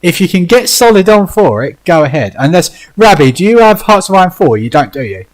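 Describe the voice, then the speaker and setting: A man's voice: high-pitched, very animated, a little fast, low-quality recording. A young British man hosting a gaming stream, chatting casually with friends, teasing them, swearing and laughing often. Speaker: streamer host.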